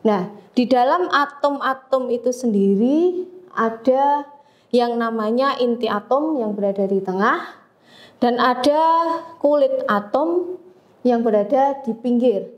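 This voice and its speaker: Woman explaining physics, slightly high voice. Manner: measured explaining with frequent fillers. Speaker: physics teacher. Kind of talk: classroom lecture.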